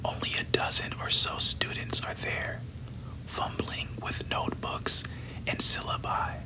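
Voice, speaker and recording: A podcast host reading a novel aloud entirely in a hushed, unvoiced whisper, delivering the passages evenly. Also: poor audio. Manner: slow, hushed, even delivery of book passages.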